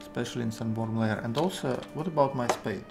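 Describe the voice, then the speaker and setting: A man in his twenties with a Russian accent, thinking aloud in halting fragments as he gives casual live game commentary. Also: mid-range voice, creaky. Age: 20s. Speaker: game streamer. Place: indoor room at a computer. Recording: music behind the voice. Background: music, keyboard typing.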